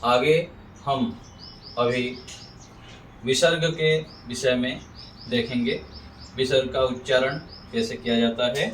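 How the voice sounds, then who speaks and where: Slow, deliberate man teaching pronunciation. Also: medium pitch, fairly even intonation. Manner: drawn-out, carefully enunciated examples, repeated for drilling. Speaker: Sanskrit teacher. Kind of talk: slow classroom-style pronunciation lesson. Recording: echoey room, distant mic, faint ambient noise.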